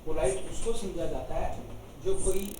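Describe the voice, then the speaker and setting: A man teaching a German lesson, explaining each German sentence slowly in Hindi. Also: sits high, recorded from a distance, noisy background. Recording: echoey room, voice from off-mic.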